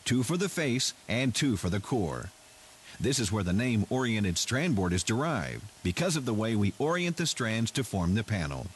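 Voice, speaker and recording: Man narrating an industrial tour, lively pitch. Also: slight background noise.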